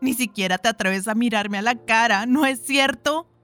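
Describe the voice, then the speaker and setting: A woman putting on a shrill, desperate young mother. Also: moderate pace, a bit bright, faint music behind, close to an everyday voice. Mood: bitter. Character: furious, tearful young mother clutching her baby.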